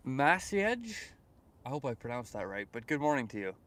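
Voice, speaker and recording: A young Canadian man chats casually on a fishing livestream outdoors by a lake, reading viewer comments aloud and rambling with repeated words. His voice is medium in pitch and fairly bright, with a sing-song lilt at normal speed.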